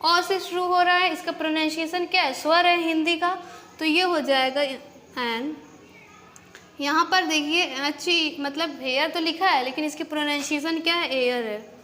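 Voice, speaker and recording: A woman's voice: high-pitched, sharp tone, big-room sound. A woman teaching an English grammar lesson, asking rhetorical questions and answering them herself. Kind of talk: classroom-style grammar lesson.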